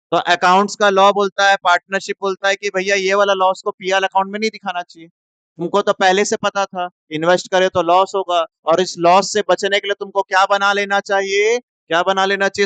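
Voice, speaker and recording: Male commerce teacher, high bright voice, crisp and dry, quizzing the class. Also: no room sound. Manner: asks students questions and answers them himself. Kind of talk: classroom lecture.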